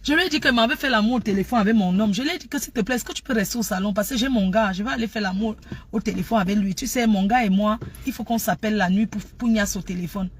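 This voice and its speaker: A woman hosting a casual live stream, talking loudly and in a scattered, animated way with many restarts. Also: medium pitch, quick pace, slight background noise. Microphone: phone.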